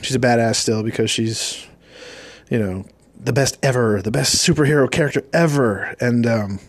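A man's voice: medium pitch, normal speed, no room sound. A man giving a sarcastic, rambling recap of a movie's plot in a casual, mocking tone. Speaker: movie reviewer.

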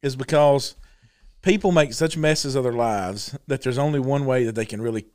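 A man co-hosting a podcast, telling a funny story in an animated, laughing way. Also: medium pitch, normal speed. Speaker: podcast co-host. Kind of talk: casual storytelling chat.

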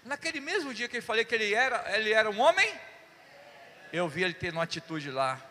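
Lively preaching man in echoing hall. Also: high-pitched, fast. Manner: animated, acts out dialogue, calls "Amém?" to the congregation. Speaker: pastor. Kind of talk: sermon with storytelling. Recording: long church hall reverb.

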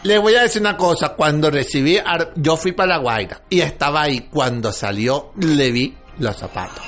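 A man's voice: a little high, moderate pace, close to an everyday voice. A man voicing a chatty, cheeky middle-aged woman with a Venezuelan accent in a comedy monologue, calling listeners "mi amor". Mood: gossiping. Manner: chatty, calls listeners "mi amor", laughs often. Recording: music playing underneath.

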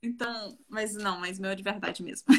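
This interview guest is a woman in her twenties, a professional flautist from Brazil who grew up partly in South Korea. On the video call she chats casually with some giggles, in a mid-range voice with fairly even intonation at a moderate pace.

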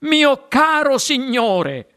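An eccentric chocolate-maker speaks with theatrical glee and a voice raised above the narration, as the reader puts him on. His pitch leaps about in storybook fashion. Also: sing-song, extremely slow, fairly bright tone, full character voice. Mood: exuberant. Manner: exuberant, theatrical. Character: eccentric, cheerful chocolate-maker, middle-aged man.

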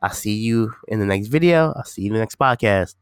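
Low, nasal, congested male podcast host. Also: animated, a little fast, clear, resonant tone, no room sound, clean studio sound. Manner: informal, rambling, repeats phrases. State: slightly sick with a stuffy nose. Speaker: podcast host and gaming streamer. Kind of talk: casual solo podcast chat.

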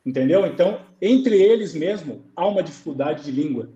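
A Brazilian man, a goalkeeper coach, recounting his experiences in a relaxed interview, acting out dialogue as he tells stories. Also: on the high side, fairly quick, reverberant, dull audio. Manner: storytelling, acts out dialogue. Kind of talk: conversational interview on a live stream.

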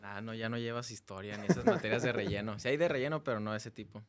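A man's voice: on the low side, fast talker. A man with a Mexican accent chatting casually as co-host of a sports talk show.

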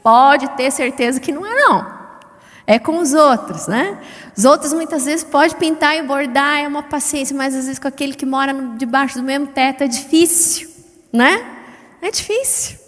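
A middle-aged woman preaches in a high voice, lively and chatty, swinging between loud peaks and soft asides. Long reverb from the church hall trails every phrase. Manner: lively, chatty, wide swings in pitch and loudness; self-described fast-paced. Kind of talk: sermon.

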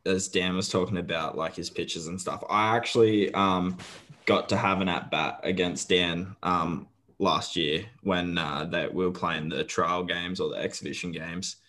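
A man's voice: low-pitched, fairly even intonation, measured pace, a bit bright. A man co-hosting a podcast, telling a self-deprecating story with lots of fillers. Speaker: podcast co-host. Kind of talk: casual podcast chat.

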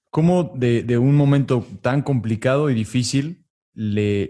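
A man's voice: mid-range voice, warm tone. A man hosting an interview, hesitant and repeating words as he works toward his questions.

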